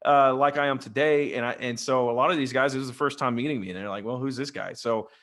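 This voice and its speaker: A man's voice: mid-range voice, fast, a bit bright. A man, a Freemason guest in a casual interview, rambling and jokey as he tells stories into a desk microphone over a video call. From West Texas.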